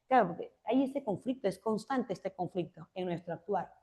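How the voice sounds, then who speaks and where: A woman's voice: mid-range voice, animated, normal speed, warm tone. A woman giving a classroom literature lecture, explaining points and often checking with rhetorical questions. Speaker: literature teacher.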